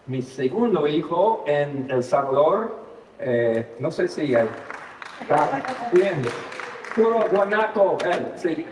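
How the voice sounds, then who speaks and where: An older American man, a native English speaker, preaches a sermon as a guest preacher, telling a personal story with light self-deprecating humor and frequent hesitations. His fairly high voice is very animated, slow-paced and darkish in tone. He's recorded from far off in an echoey church sanctuary, with a little hiss or hum.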